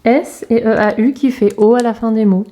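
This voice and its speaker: A woman teacher, talking young pupils through an exercise in a remote lesson video, spelling out sounds and letters slowly and carefully. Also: a little high, fairly even intonation, warm tone. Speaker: primary school teacher.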